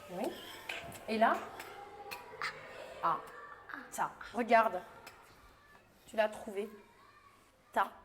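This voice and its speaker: A woman's voice: medium pitch, very slow, long pauses, a bit bright, a little hiss or hum. Patient woman teacher coaching small children. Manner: patient, encouraging, stretches out speech sounds. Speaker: kindergarten teacher. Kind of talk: classroom instruction with young children. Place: kindergarten classroom.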